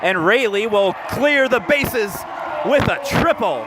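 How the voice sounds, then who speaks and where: High-voiced and animated yet slow in delivery, an American man calls baseball play-by-play live on radio. He's at an outdoor minor league ballpark, where crowd and ambient noise carry into the recording.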